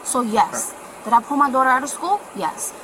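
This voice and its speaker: A woman's voice: sits high, very animated, normal speed, crowd noise, poor audio. A woman being questioned by police, telling her side in a defensive, insistent way and answering her own questions. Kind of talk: police interview statement.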